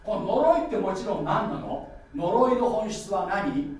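A man's voice: sits high, expressive, unhurried. A male pastor preaching a sermon, repeating key phrases and asking the congregation questions. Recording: very echoey church hall from far off.

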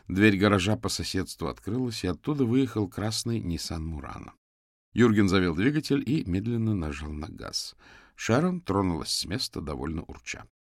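A man narrating an audiobook thriller in an even, scripted storytelling voice. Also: low voice, normal speed, no room sound, studio quality.

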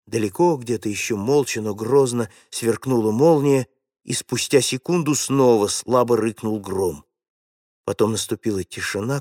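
A man's voice: on the low side, darkish tone, dry recording. Man reading a story in a dry room. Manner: measured, dramatic storytelling. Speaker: narrator. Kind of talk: audiobook reading of a classic story.

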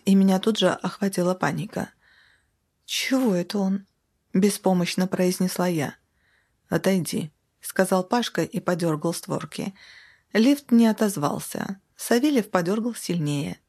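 A woman's voice: medium pitch, mellow. A woman reading a first-person story aloud in a wry, snappy way. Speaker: audiobook narrator. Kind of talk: first-person audiobook narration.

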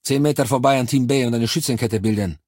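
A man voicing a gruff male sergeant who shouts clipped military orders at his troops. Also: mid-range voice, fast talker, no echo, studio quality, close to an everyday voice. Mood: commanding.

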